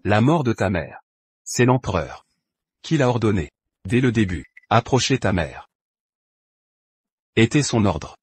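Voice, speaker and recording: An actor playing a proud, vindictive middle-aged duke in a French drama dub, harsh and threatening in manner. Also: male voice, on the low side, big pitch swings, a little slow, pauses often, slightly rough, no room sound, exaggerated voice. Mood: confessing.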